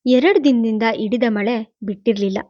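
A woman narrates a novel in a steady, even storytelling voice. Her pitch sits fairly high. The recording is dry and close, with a slightly dull, muffled top end. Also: moderate pace, no room sound. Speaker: audiobook narrator. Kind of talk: novel reading.

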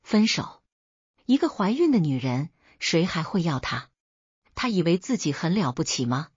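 A woman's voice: sing-song, normal speed, a little mellow, husky, no echo, dull audio, heavily acted. A woman voicing a coarse, domineering older mother-in-law who scolds and sneers. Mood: scornful. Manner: shrill, scolding, contemptuous.

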